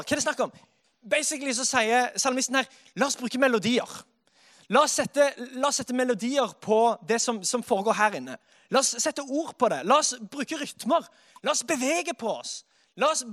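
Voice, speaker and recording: A man preaching a sermon in a lively way, dropping soft and then rising to loud exclamations. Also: very high-pitched.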